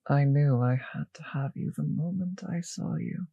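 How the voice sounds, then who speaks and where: A woman acts out a refined female vampire for an intimate audio drama, possessive and predatory. Her voice is husky and close, recorded very dry, with an unhurried pace. She teases with condescending endearments and slips into whispers. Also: deep voice, warm tone, dry recording, muffled recording, full character voice. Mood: stern, possessive. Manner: slow, condescending, teasing endearments, drifting into whispers.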